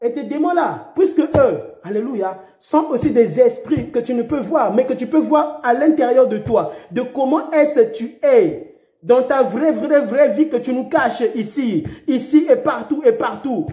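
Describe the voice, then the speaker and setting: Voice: high-pitched, lively intonation, a little slow, warm tone, echoey room. A preacher delivering an impassioned sermon, repeating phrases and breaking into dramatic cries.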